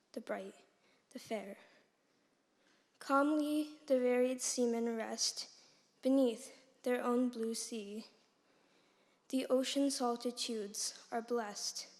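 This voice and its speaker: A young woman in her late teens reciting a poem with slow, pausing delivery. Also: on the high side, darkish tone. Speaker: student reciter. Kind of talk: formal poetry recitation. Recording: long hall reverb.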